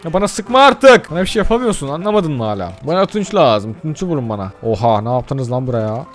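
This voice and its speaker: A man doing excitable let's-play commentary, chatting straight to his viewers and cursing casually at the game. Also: mid-range voice, fast talker, faint music behind. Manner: addresses viewers directly. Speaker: gaming YouTuber.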